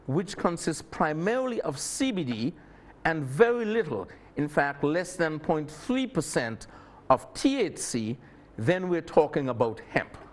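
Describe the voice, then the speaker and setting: A man from Saint Kitts, explaining things emphatically as an expert guest in a panel discussion. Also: a little high.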